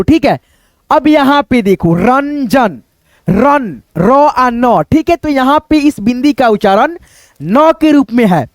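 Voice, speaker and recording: High-pitched man teaching, dry close sound. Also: a little mellow, dry recording. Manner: repetitive, explanatory, often asks and answers himself; addresses viewers as friends, drawn-out words. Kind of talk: classroom-style lesson.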